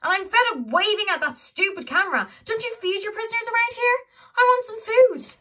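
A woman voicing a defiant captive female elf captain who shouts and speaks with sarcasm. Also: a little high, sing-song, fairly quick, breathy edge, heavily acted.

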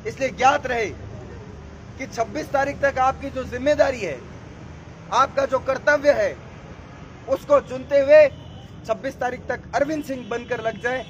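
A man in his twenties giving a booming political rally speech as a student candidate, emphatic and exhorting. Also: normal speed, pauses often, lo-fi sound. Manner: emphatic, exhorting, addressing a crowd. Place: outdoors in a campus yard before a standing crowd. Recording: noisy outdoor crowd gathering.

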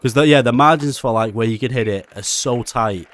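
A young man giving casual gameplay commentary, excitable and swearing often, with frustrated outbursts. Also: medium pitch, brisk. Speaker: gaming YouTuber.

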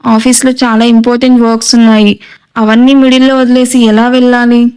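Woman narrator doing a nervous younger brother, hesitant and pleading; clear, slightly high voice. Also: flat delivery, brisk, a little mellow, close to an everyday voice.

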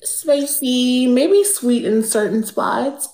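A young adult woman with a high, expressive, slightly mellow voice talks slowly and exaggeratedly, playing a vain, ditzy rich girl on a livestream. Smug and airy, she drawls and fills her speech with "like" and "um," recorded on a phone front camera in an echoey, pink-lit indoor room.

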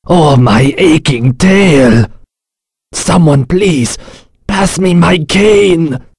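An actor playing a wise elderly rat ninja master in a video game, stern but playful, with a raspy, gravelly voice and a formal, sage-like manner. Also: male voice, fairly high pitch, extremely slow, a little mellow, no echo, studio quality, exaggerated voice. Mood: weary, complaining. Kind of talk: video game battle lines and advice.

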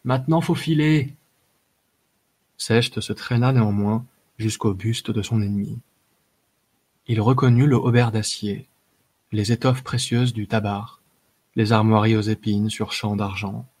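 A man narrating a fantasy short story as an audiobook reader, measured, with the odd hesitation. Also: on the low side, flat delivery, a little mellow. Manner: measured reading with occasional filler hesitations.

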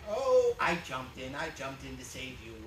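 A man's voice: mid-range voice, big pitch swings, normal speed, lightly acted. A man playing an eager, innocent, bumbling old guardian angel in a stage radio play, fussy and stammering. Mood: earnest. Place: small theatre stage before an audience. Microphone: far audience camera. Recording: roomy theatre, distant mic, clear background noise.

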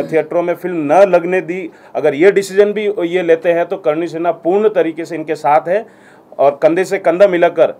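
A man's voice: fairly high pitch, mellow. A man speaking as an activist spokesman at a press conference, making a firm declaratory statement.

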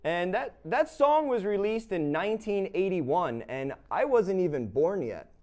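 A man's voice: high-pitched, sing-song, measured pace, darkish tone. A man in his thirties, a teacher presenting a chatty segment on a school broadcast from a studio.

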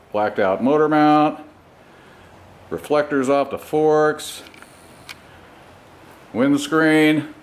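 In a noisy clip caught on a handheld camera's mic, a man of medium pitch strolls around his custom bike and chats about the work. The motorcycle vlogger and home mechanic takes his time, pausing between fragmented phrases like a hobby mechanic filming in his home garage with the door open.

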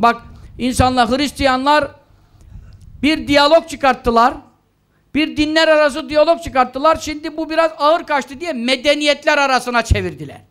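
A man preaching in a mosque at a pulpit microphone, earnestly urging his listeners and reciting prayers. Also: a bit bright. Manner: earnest, exhorting, rising high when stressing points. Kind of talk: mosque talk with announcements and prayers.

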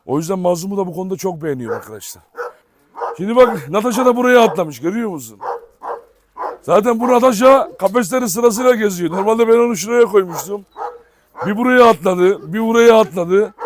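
A man's voice: sits high, lively intonation, quick pace, background noise. A man vlogging outdoors at his dog kennels, chatting casually to viewers as he walks around. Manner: chatty, talks to viewers and calls out to dogs. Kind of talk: casual vlog walkthrough.

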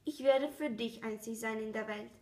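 A woman voicing a gentle, curious male fox in a storybook reading, earnest and coaxing, recorded with a roomy echo. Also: fairly high pitch, moderate pace, lightly acted. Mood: wistful.

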